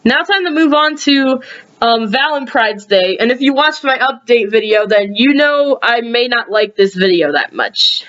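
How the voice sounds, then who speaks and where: A woman casually rambling through reviews of her own videos, sleepy and yawning, with lots of ums and sudden jumps in pitch. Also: lively intonation, measured pace, fairly bright tone, dull audio.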